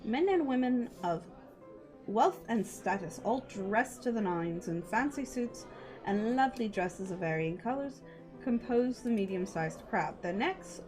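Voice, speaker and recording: A woman livestreamer and VTuber reads a visual novel aloud and chats casually, dropping playful, sweary asides. Her voice is medium-pitched, the audio quality is poor, and music plays behind her.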